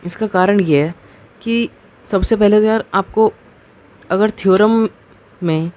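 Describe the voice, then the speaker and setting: In a board lecture, a man whose voice sits high with a darkish tone teaches a maths proof step by step. He slows on key terms, asks rhetorical questions, and patiently makes sure his students follow.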